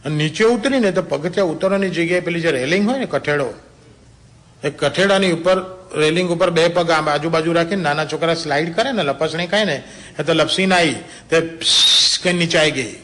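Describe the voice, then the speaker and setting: A man telling adult jokes to a small group as a lively storyteller, dropping to a lower voice for characters' lines. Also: brisk. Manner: lively storyteller, drops to a low voice for dialogue, laughs at own punchlines. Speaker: joke teller.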